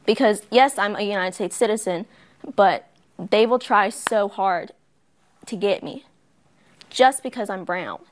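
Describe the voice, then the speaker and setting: A woman's voice: mid-range voice, a little slow, long pauses. A young woman from Guatemala, a student panelist, telling her own experience in a heartfelt way. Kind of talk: panel discussion.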